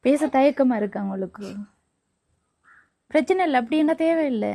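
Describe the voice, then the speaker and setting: A woman vlogger with a Sri Lankan Tamil accent, gently soothing and reassuring a family as she talks with them at their home. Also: sits high, animated, normal speed. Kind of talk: casual conversational interview.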